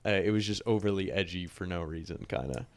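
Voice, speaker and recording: A man co-hosting a loose podcast, recounting a story in a meandering way full of "like" and "uh". His voice is lowish and smooth, with a clean, resonant tone. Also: fast talker, no echo. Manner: rambling storytelling with fillers. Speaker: podcast host. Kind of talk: casual podcast chat.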